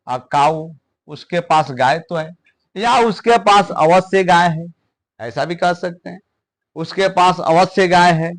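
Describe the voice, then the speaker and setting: Slow high-voiced male grammar teacher. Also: fairly bright tone. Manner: slow, repeats words one at a time for stress. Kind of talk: classroom grammar lesson.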